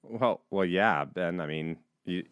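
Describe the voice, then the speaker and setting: A man co-hosting a podcast, easygoing, often trailing off quietly at the ends of his sentences. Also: low voice, takes it slowly, smooth, no echo, highs cut off. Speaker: podcast co-host. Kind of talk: casual conversational podcast.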